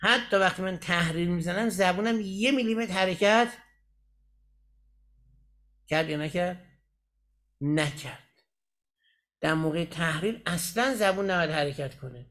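A man's voice: high voice, pauses often, fairly bright tone. A man teaching Quran recitation in a class, explaining step by step and often checking that his students have followed.

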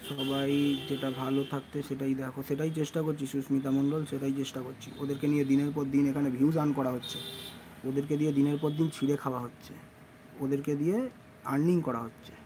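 A man's voice: mid-range voice, fairly quick. A man hosting a live stream, reading out viewers' comments and answering them in a casual way. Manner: soft and hushed, later loud and excited. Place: indoors near another room. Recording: noisy live stream audio.

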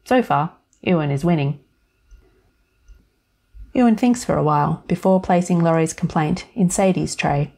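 Calm woman storyteller, low voice. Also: normal speed, creaky, long pauses. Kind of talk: scripted narration.

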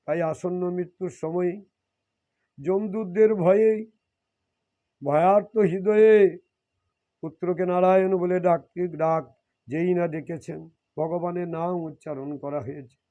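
A man with a high, warm voice reads devotional scripture and explains it, speaking unhurriedly with frequent pauses. He often repeats and rephrases his points, and the recording sounds dull and lo-fi.

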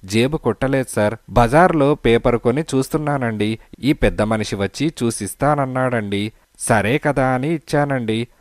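A man voicing an angry male passerby complaining loudly to the police. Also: medium pitch, moderate pace, no room sound, lightly acted. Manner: loud and complaining.

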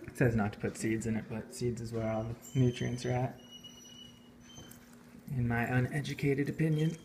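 A man in his thirties filming a casual home cooking vlog in his kitchen, talking in an offhand, self-mocking deadpan. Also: medium pitch, moderate pace, slight background noise. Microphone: phone camera held at arm's length.

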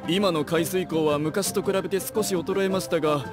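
A man's voice: high voice, fairly even intonation, moderate pace, natural voice. A man voicing a humble, very polite shopkeeper in a game, speaking in formal shop courtesy. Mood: earnest. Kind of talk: Japanese game dub. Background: game music.

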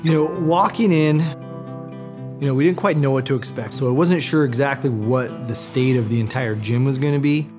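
A man's voice: mid-range voice, moderate pace. A man talking casually and keenly about upgrading a gym. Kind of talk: documentary interview. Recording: background music under the voice.

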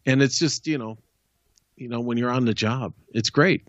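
A man's voice: medium pitch, normal speed, dry recording, muffled recording. A man co-hosting a home improvement talk show, chatting casually in an easygoing, rambling way. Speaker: co-host. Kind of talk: casual chat.

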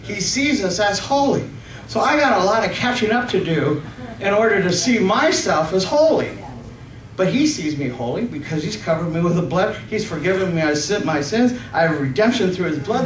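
This middle-aged church conference preacher has a high voice with lively intonation, and he reads scripture and preaches in a halting, mildly nervous way, often self-correcting and seeking amens. On the indoor church hall stage, a far camera records his stand microphone, making the audio roomy and distant with faint noise.

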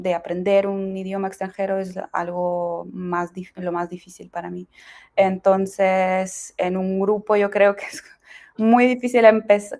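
A woman's voice: mid-range voice, a little mellow. Ukrainian woman with a Mexican Spanish accent. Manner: chatty, laughs often, restarts mid-word. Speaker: guest. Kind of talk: casual interview chat.

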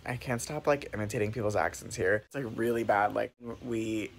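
A man's voice: fairly low pitch, brisk, vocal fry. Chatty young American guy vlogging. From United States. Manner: chatty, lots of "like" fillers. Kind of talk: casual travel vlog. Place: outdoors on city streets and in a hotel room. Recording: noisy street background.

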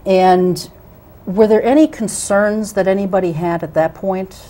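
A middle-aged woman hosts a local cable talk show from a small TV studio with a curtain backdrop, introducing guests with plenty of ums and restarts. She wears a lapel mic and speaks at a measured pace in a mid-range voice with a dark tone.

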